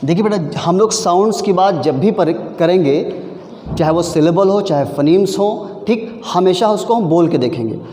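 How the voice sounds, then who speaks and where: A man's voice: high-pitched, expressive, moderate pace, mellow. A man teaching a recorded exam-prep lesson, mixing Hindi and English, patiently asking questions and answering them himself. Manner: mixes Hindi with English, patient, addresses students as beta. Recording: echoey room.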